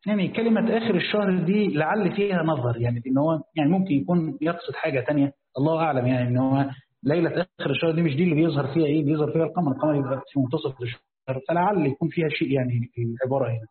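A man's voice: fairly high pitch, racing. A man with an Egyptian accent, a sheikh reading a classical Quran commentary aloud and explaining it in casual asides. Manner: switches between formal reading and casual asides, thinking aloud. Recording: echoey, phone-like, faint hiss.

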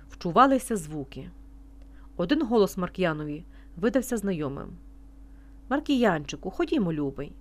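A woman narrating a novel as an audiobook reader in an even, expressive storytelling manner. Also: medium pitch. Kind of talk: scripted narration.

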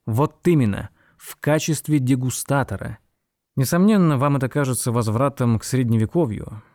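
A man voicing a clever, impatient male detective in an audiobook, laying out his reasoning briskly. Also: mid-range voice, mellow, no room sound, studio quality, close to an everyday voice.

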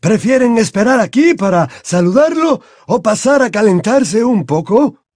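A man's voice: high voice, lively intonation, measured pace, darkish tone, dry recording, clean studio sound, pitched above the performer's own voice. A man reading aloud voices an old, courteous wizard headmaster who speaks graciously and politely. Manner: gracious, polite, slightly hesitant.

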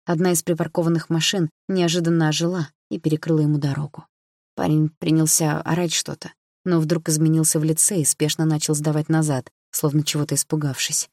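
A woman narrating a novel in the first person, calm and even, close to the mic. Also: sits low, brisk, no echo. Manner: calm, even storytelling with inner thoughts. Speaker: audiobook narrator.

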